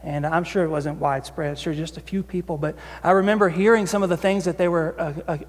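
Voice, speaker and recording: A man with a high-pitched voice preaches to his congregation in a casual, conversational way, often circling back and restarting his phrases. His voice rings out through the long reverb of a church sanctuary. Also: fairly even intonation, fast talker. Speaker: senior pastor. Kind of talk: sermon.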